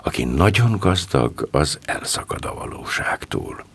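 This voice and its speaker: A man's voice: extremely low pitch, sing-song, fairly bright tone, slightly rough, exaggerated voice. A man voicing a fragile, spoiled rich young wife in an audiobook, with a plaintive, wistful manner. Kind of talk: audiobook character reading.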